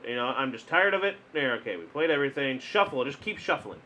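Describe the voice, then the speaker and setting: A man's voice: medium pitch, very animated, quick pace, bright, forceful tone, slight background noise. A man commenting casually on his own online card game, chatty and exasperated, laughing at himself as things go wrong. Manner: chatty, exasperated, self-mocking; hums and sighs, laughs at himself. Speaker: gaming video host.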